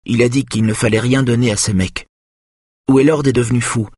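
A man's voice: mid-range voice, steady tone, a little fast, a little mellow, husky, dry recording, clean studio sound, close to an everyday voice. A man voicing a frightened, sad teenage girl with a faint, small voice in an audiobook. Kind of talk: audiobook character voice.

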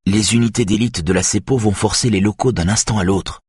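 A man's voice: fairly low pitch, brisk, a little mellow, breathy edge, no echo, clean studio sound, voice pushed up. A man voicing an adult woman police officer who talks in an urgent, commanding way.

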